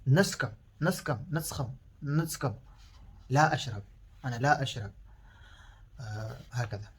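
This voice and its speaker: A man whose first language is Pashto, teaching words in a casual lesson, repeating each word slowly with many hesitant fillers. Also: medium pitch, animated, husky.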